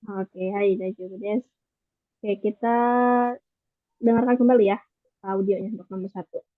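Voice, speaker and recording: A woman's voice: mid-range voice, fairly even intonation, moderate pace, no room sound. A woman language teacher explaining grammar patiently in an online class, checking in with the students often. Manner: patient explaining, frequent tag questions. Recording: tinny call audio, dry.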